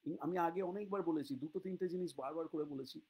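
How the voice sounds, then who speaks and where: A man with a Bengali accent giving a casual online English lesson, reading English examples slowly and spelling words out letter by letter, with frequent "ah" pauses. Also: on the high side, darkish tone, slightly rough, rough recording. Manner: frequent "ah" hesitations.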